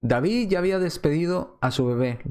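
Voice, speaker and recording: A man preaching a sermon in an earnest way, often pausing for rhetorical check-ins with the congregation. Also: fairly high pitch, animated, dark tone, clean tone.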